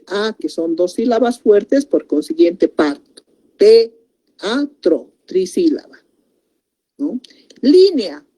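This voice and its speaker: A woman's voice: medium pitch, warm tone. A woman teaching a grammar lesson, explaining step by step and breaking words into syllables.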